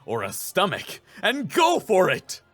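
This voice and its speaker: A man's voice: high-pitched, wildly swooping pitch, a little slow, fairly bright tone, soft background music, pitched above the performer's own voice, heavily acted. A man playing a young self-styled mad scientist in a visual novel, theatrical and grandiose. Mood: cajoling. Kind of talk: reading a visual novel aloud in character.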